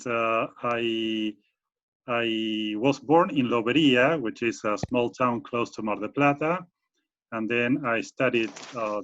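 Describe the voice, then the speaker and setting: A man's voice: mid-range voice, a bit bright, a little hiss or hum. A man from Argentina with an Argentine Spanish accent, explaining his academic work in a video call interview, full of fillers and restarts. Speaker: guest speaker, university professor. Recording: muffled video call audio.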